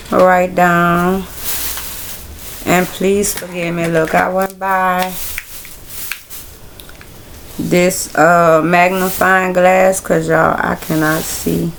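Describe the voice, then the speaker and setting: A woman hosting a casual Bible study livestream, talking in a relaxed, rambling way straight to her viewers. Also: fairly low pitch, extremely slow, vocal fry, long pauses, a little hiss or hum. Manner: relaxed, rambling, speaks directly to viewers as y'all.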